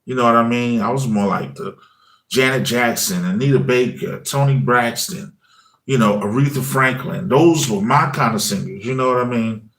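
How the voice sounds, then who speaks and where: A man's voice: mid-range voice, normal speed. Chatty man in his forties. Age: 40s. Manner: loose and chatty, full of "you know what I mean" fillers; acts out his own past words in lively quoted asides. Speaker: former high school teacher and music channel creator. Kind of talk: casual conversational storytelling.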